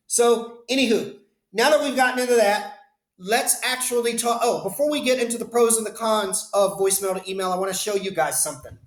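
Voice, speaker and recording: In an echoey indoor room, a high-voiced man talks viewers through a screen-share demo of voicemail to email, shown with a webcam inset. He's a business phone system consultant, and he explains things conversationally while addressing the audience directly.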